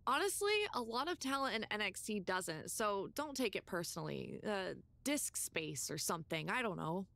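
A woman's voice: medium pitch, very animated, normal speed, vocal fry, a bit bright, no echo. A woman voicing a cocky, trash-talking female wrestler in a video game. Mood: smug. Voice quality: smug, teasing. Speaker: game character.

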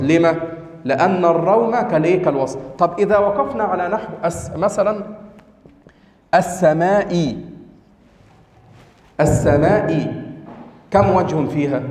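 Egyptian man, Quran recitation teacher, a bit high-pitched, patient step-by-step explainer, echoey hall sound. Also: darkish tone. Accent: Egyptian Arabic. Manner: explanatory, checks understanding with short questions; slows down to pronounce examples. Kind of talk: lecture on tajwid rules. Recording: echoey room with long reverb.

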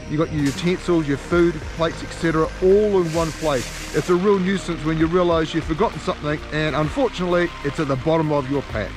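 An outdoor channel host stands by his tent on a mountain meadow, offering upbeat, encouraging camping tips straight to a camera held at arm's length. His voice is a little high, and the clip is an instructional outdoor vlog.

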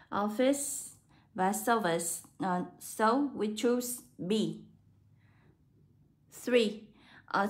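A woman English teacher, walking students through exam answers step by step and slowing down to read English words aloud. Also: medium pitch. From Vietnam. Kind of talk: exam answer walkthrough lesson.

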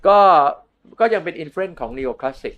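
A middle-aged man in casual conversation, explaining history and art in a digressive lecturing way, slowly stretching out foreign words. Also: a little high, animated, dull audio. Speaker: art history scholar and co-host.

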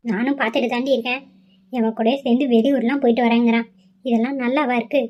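A woman voicing a bossy, scheming middle-aged mother who talks low and nags insistently, in a cartoon. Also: fairly even intonation, quick pace, close to an everyday voice. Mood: nagging, scheming. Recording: slightly dull lo-fi audio.

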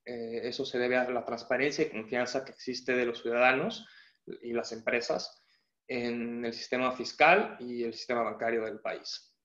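A young man with a Mexican Spanish accent, acting as a guest presenter, earnestly walks through each point of a webinar, often pausing to restart his phrasing. His voice is a typical male pitch, a bit bright, with fairly even intonation. The sound is dull and roomy, like a laptop mic on a video call from an indoor room.

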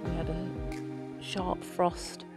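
A middle-aged woman chatting cheerfully outdoors in a garden, chiming in with agreement and quick asides. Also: on the low side, monotone, music in the background. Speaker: vlogger renovating a farmhouse. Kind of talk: casual chat.

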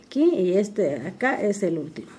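Mellow older woman teaching embroidery. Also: mid-range voice, normal speed, slight background noise. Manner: patient, calmly narrates each stitch while working. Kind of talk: step-by-step craft tutorial.

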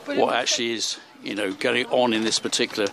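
With some vocal fry and a slightly bright timbre, a man talks a little fast in a mid-range voice with fairly even intonation. He's a travel vlogger carrying a handheld camera through hotel rooms and onto a seaside street, rambling through his tour with many fillers and restarts.

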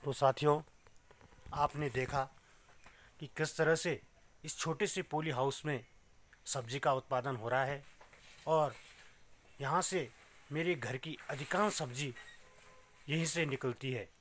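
With a slightly bright voice on the high side, this organic farmer talks at a measured pace with long pauses. The middle-aged man from Uttarakhand, India, films a casual tour of his small polyhouse greenhouse on a phone at arm's length, simply pointing out and explaining the crops to viewers.

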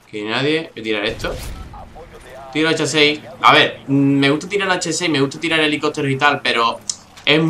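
A young Spanish man from Spain talks over his shooter gameplay, grumbling and swearing at campers. He keeps his voice low and restrained. Game music plays clearly behind him. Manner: chatty, exasperated, swears often; keeps voice down, not shouting. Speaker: gaming YouTuber. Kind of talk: gameplay commentary. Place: home room, early morning.

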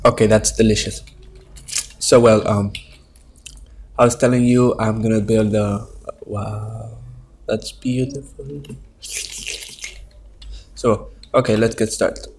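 A man casually narrating his gameplay with rambling, profane commentary, his voice coming through the low-quality audio of a webcam microphone at his home computer. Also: fairly even intonation, slow pace, long pauses, a little hiss or hum. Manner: rambling and profane, thinking aloud while playing. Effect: low-quality stream audio from a webcam mic. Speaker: Minecraft let's-play streamer.

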